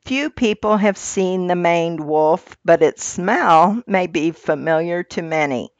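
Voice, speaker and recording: A woman reading scripted narration in a measured, articulate nature documentary manner. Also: lowish voice, expressive, dry recording, muffled recording.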